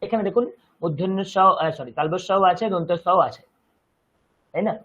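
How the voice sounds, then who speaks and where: Male language teacher with a Bengali accent, measured and careful, fairly high voice, muffled lo-fi sound. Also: fairly bright tone. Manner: slow, deliberate, chants verses syllable by syllable. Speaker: Sanskrit teacher. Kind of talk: online language lesson.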